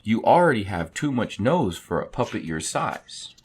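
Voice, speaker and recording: Storybook cricket, read by a man: tiny cautioning conscience, urgent, lifted pitch, animated. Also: normal speed, breathy edge. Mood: scolding. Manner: urgent, admonishing. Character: small male cricket, cautioning, worried conscience.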